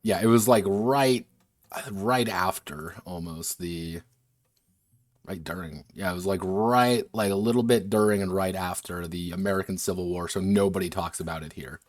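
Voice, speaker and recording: A man's voice: low-pitched, moderate pace, no room sound, studio quality. A man who designs games, chatting casually on a livestream at his desk, wandering between asides and restarting his sentences. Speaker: game designer streaming a workshop.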